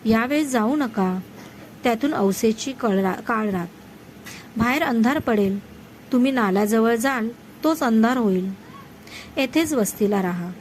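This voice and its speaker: A woman's voice: on the high side, expressive, measured pace, a little mellow, a little hiss or hum. A woman reading the lines of an old village woman who earnestly warns a traveller. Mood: warning. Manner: earnest, cautioning.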